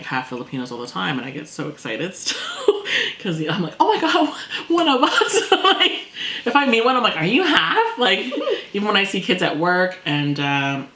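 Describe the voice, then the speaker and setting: A woman chatting casually over a meal, talkative and quick to laugh, acting out things people said. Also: sits low, fairly bright tone. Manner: chatty, laughs often, acts out past quotes. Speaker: co-host. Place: indoors at a table. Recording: echoey room, faint noise.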